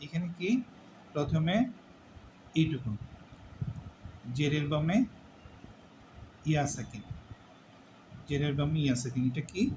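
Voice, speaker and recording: A man gives a tajweed lesson in a slow, patient cadence, pitched a little high for a man. He drills syllables again and again and asks questions, with an echoey room and faint background hiss around his voice. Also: lively intonation, darkish tone. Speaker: Quran recitation teacher.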